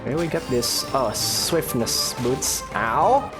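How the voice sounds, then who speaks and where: A man's voice: medium pitch, expressive, slow. A man giving casual, reactive commentary while playing a game, with game music behind. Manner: chatty, reactive, groans and laughs at the game. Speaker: gaming youtuber.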